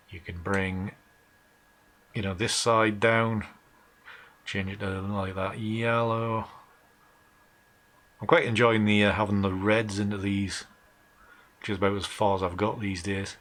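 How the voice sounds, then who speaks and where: A man's voice: lowish voice, a bit bright. A man with a Northumbrian English accent hosting a casual live tutorial, thinking aloud informally as he works. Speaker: host of a live photo-editing session. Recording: clear background noise, keyboard and mouse clicks.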